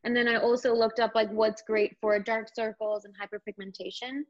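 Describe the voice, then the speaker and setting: A young woman from India, guesting as an actor, talks loosely about her acting work with frequent "like"s. Her slightly high voice is flat and fairly quick, with no echo, on a slightly dull lo-fi recording.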